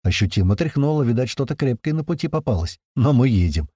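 A man reading a first-person action story aloud, telling it in a tense, lively way with plenty of swearing. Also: mid-range voice, fast, no room sound, studio quality. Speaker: narrator. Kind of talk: first-person audiobook narration.

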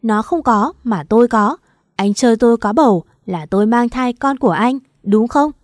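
A woman's voice: on the high side, animated, normal speed, darkish tone, no room sound, clean studio sound, close to an everyday voice. Woman voicing a brazen scheming young woman. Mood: mocking. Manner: taunting, laughing scornfully.

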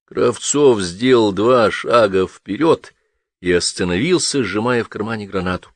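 A man with a fairly low voice reads a story in a measured, steady way. The recording is close and dry, with no room sound around him. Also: dry recording. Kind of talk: scripted narration.

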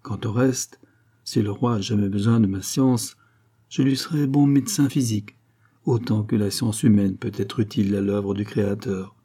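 A man voicing a composed, dignified doctor who answers in calm, measured tones. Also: lowish voice, slightly rough.

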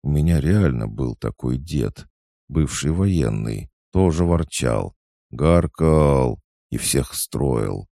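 Dude doing a cheeky goddess sidekick, teasing, low and gravelly. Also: male voice, lively intonation, slow, warm tone, no echo, clean studio sound, full character voice. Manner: teasing, soothing. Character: playful, teasing female goddess companion.

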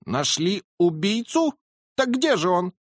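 A man voicing an excitable aristocratic old colonel who exclaims and protests in an agitated manner. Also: high-pitched, a little fast, dry recording, clean studio sound, voice pushed up. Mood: indignant.

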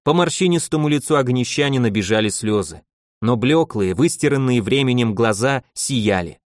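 A man with a medium-pitched voice narrates an audiobook, telling the story in a measured, even way. The studio-quality recording has no room sound.

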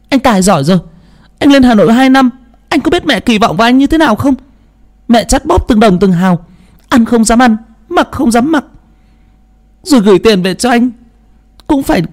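A woman's voice: on the high side, voice pushed down, natural voice. A woman voicing a scolding young sister. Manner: reproachful, sharp, loud. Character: indignant young daughter scolding her brother.

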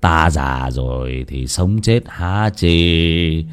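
A man voicing a frightened old male village elder, speaking slowly, low and solemn. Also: expressive, warm tone, breathy edge, full character voice. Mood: grave. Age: older.

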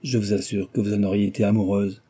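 A man's voice: fairly low pitch, little pitch movement, fast talker, warm tone, husky. A man reading aloud, voicing a frivolous, gossiping young aristocratic lady who talks flippantly and teases. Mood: lively, teasing. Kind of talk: audiobook character reading.

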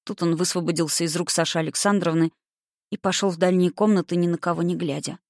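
A reader narrating a historical romance audiobook in a measured, expressive way. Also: mid-range voice, no echo, studio quality.

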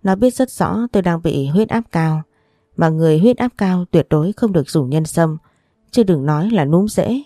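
A domineering old matriarch , read by a woman narrator scolds and gives orders in a low, dark voice. The sound is dry and close, a storybook reading with little room. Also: animated, moderate pace, no room sound. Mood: grave. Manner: scolding, authoritative. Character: stern, commanding elderly grandmother, matriarch.

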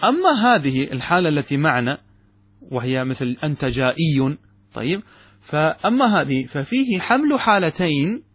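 A man with a slightly raised, husky voice gives an Arabic grammar lecture. He reads passages aloud, then explains them and keeps checking with his class through rhetorical questions. The sound is dry and close, with no room echo. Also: a little high, a bit bright.

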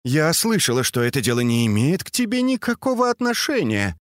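A man reading aloud, voicing an imperious, sharp-tongued noblewoman who scolds and commands her servants. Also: deep voice, sing-song, fairly quick, dry recording, clean studio sound, pitched above the performer's own voice. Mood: menacing.

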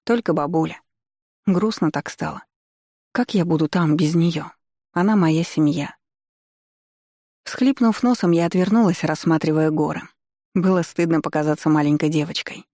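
A woman reading a novel aloud as an audiobook in the first person, telling it with lively expression. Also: low-pitched, moderate pace, pauses often, no room sound, clean studio sound. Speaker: audiobook reader.

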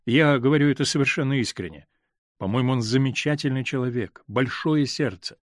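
A man's voice: medium pitch, fairly quick, no echo, clean studio sound, lightly acted. A male reader voicing an impatient, insistent man in love, ashamed of deceiving a friend.

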